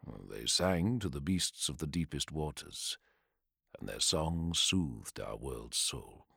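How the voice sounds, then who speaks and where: A man voicing a calm, reverent male swordsman who tells a story in a low, hushed, slow voice. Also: creaky, breathy edge, dry recording, studio quality, exaggerated voice.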